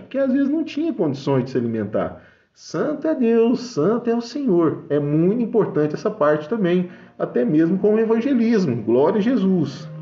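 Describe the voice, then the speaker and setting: A man's voice: fairly high pitch, mellow. A man with a Brazilian Portuguese accent giving a fervent church testimony, telling a story and breaking into praise. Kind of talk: emotional religious testimony. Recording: echoey, slightly dull recording with faint music.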